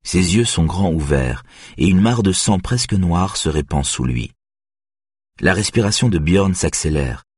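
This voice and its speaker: A man reading a thriller audiobook in a measured, steady way. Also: low-pitched, breathy edge, dry recording, studio quality. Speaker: audiobook narrator. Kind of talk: scripted narration of a thriller.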